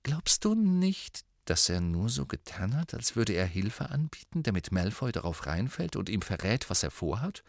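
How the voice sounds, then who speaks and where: A man's voice: fairly low pitch, big pitch swings, moderate pace, gravelly, hardly any pauses, no room sound, clean studio sound. A man voicing a clever, earnest teenage witch girl in an audiobook, speaking in a probing way. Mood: thoughtful.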